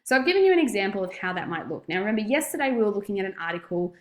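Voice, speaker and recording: A woman's voice: mid-range voice, very animated, racing. An Australian woman giving a recorded lesson as a teacher, explaining instructively and stressing key points. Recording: roomy, echoey voice recording.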